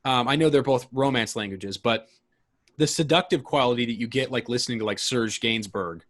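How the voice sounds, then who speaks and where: A man with a mid-range, slightly bright voice hosts a podcast about albums, talking a little fast. He chats casually and enthusiastically, rambling and often restarting or correcting his sentences.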